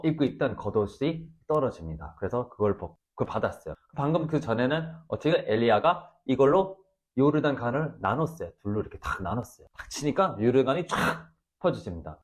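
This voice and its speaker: Animated male preacher with lively pitch. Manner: animated storytelling, swinging between loud exclamations and low asides. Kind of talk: revival sermon.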